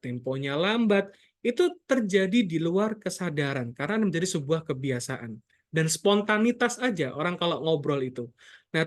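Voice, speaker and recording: A man who practises NLP, giving a relaxed, chatty lesson and dropping English terms into his explanations. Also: high voice. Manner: chatty, loose teaching talk with English terms and frequent "gitu" tags. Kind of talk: casual explanatory lecture.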